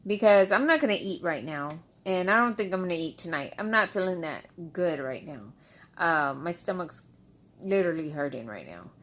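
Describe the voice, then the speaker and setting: Her voice runs on the low side yet fairly bright, swinging widely in pitch at a normal pace. Speaking close to the mic, the vlogger shares a casual storytime with followers, frustrated and repetitive, sounding like someone whose loose dentures have no adhesive.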